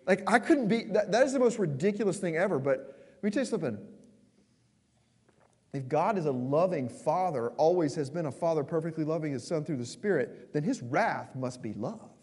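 A man preaching a sermon with passion, stressing words slowly and then rushing through quick asides. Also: fairly high pitch, darkish tone, slightly rough. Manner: impassioned, emphatic, swings between slow stresses and quick asides. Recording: long hall reverb.

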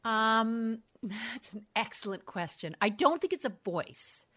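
This is a middle-aged woman with three children, her voice a little high and sharp in tone, animated yet slow in delivery. As a guest in a reflective, conversational interview, she's candid and thoughtful, frequently restarting, self-correcting and breaking into laughter.

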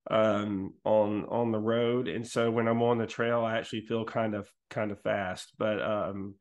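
A man's voice: fairly low pitch, level tone, a little slow. A man hosting a casual interview, chatty and self-deprecating, often stumbling as he starts a question. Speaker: podcast host interviewer.

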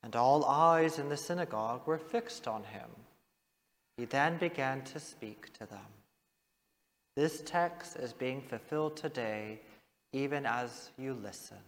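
A man, a priest, reading the Gospel and parish announcements in a measured, formal way, his voice carried by a cathedral echo. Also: mid-range voice. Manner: measured, formal, unhurried delivery. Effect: cathedral echo, long church reverb. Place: large church. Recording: long reverb of a large church.

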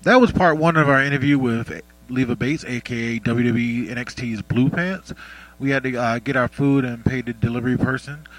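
A man's voice: mid-range voice, fairly quick, dry recording, low-quality recording. A man hosting a casual interview, talking loosely with many fillers and restarts. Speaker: podcast interviewer.

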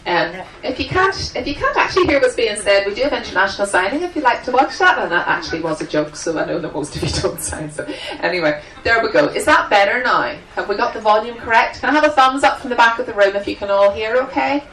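A woman's voice: fairly high pitch, animated, fast talker, few pauses, fairly bright tone. This is a woman giving a live interpreter voice, turning a signer's words into speech in real time. She speaks in the first person with small fillers and restarts. The recording is distant, with a faint hum of the room behind her. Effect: live interpreter voice, speaking aloud for a signer. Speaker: sign language interpreter. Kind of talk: live voicing of a signed church seminar. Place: large meeting room with an audience. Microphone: microphone at the front of the room.

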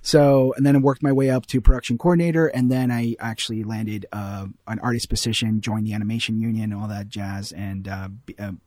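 A man's voice: fairly low pitch, level tone, fairly quick, few pauses, a little mellow, dry recording, clean studio sound. A young man from Ecuador, a guest in a casual podcast chat, talking in a rambling way with many fillers and restarts. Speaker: guest, animation artist.

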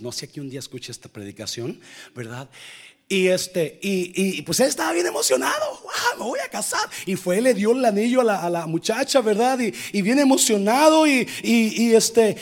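Animated husky-voiced male preacher. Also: high voice. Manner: mixes English phrases into Spanish; animated, swings from quiet asides to loud exclamations. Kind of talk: lively sermon with storytelling.

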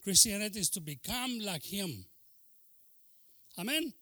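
An older man preaching a bilingual sermon, mixing Spanish and English, with frequent amens and hallelujahs and sudden drops into a soft, low voice. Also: lively intonation, takes it slowly, no room sound, studio quality. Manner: preaches with exclamations of amen and hallelujah; switches between Spanish and English.

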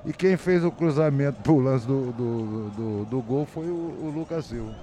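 A man analysing a live football match, halting and repeating words as he searches. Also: medium pitch, mellow. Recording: faint outdoor urban noise.

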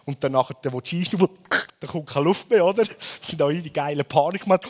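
A man's voice: on the high side, fairly quick. Man, Swiss accent, preacher, sermon, storytelling, tag questions. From Switzerland. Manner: lively storytelling, often ending with a questioning tag.

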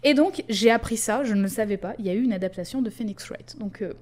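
A woman's voice: medium pitch, fast, darkish tone, slight background noise. A woman hosting a podcast in casual chat, explaining at length with many fillers and asides. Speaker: podcast host.

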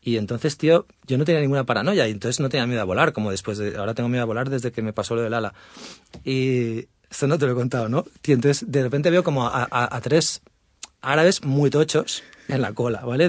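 A man's voice: mid-range voice, quick pace, no room sound. A middle-aged man with a Spanish accent from Spain, a guest telling a story casually and laughing through it.

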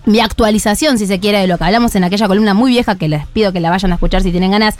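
A woman's voice: medium pitch, rapid-fire, soft background music. A woman with an Argentine accent, a parenting columnist talking things through in a radio studio and acting out phrases parents say. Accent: Argentine Spanish. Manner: explanatory, animated, acts out parent phrases.

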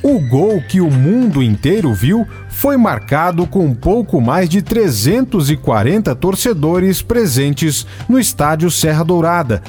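Animated Brazilian male report narrator. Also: on the high side. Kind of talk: scripted documentary narration.

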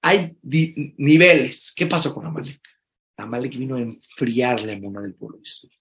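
A rabbi teaching Torah in a sermon, mixing Hebrew phrases into his Spanish, emphatic and shifting from soft, intimate asides to loud exclamations. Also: mid-range voice, moderate pace.

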